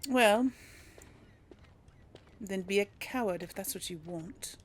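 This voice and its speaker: A woman streams herself role-playing through a video game for an audience, commenting casually and thinking aloud with hesitation. Her voice is medium-pitched and her pace slow.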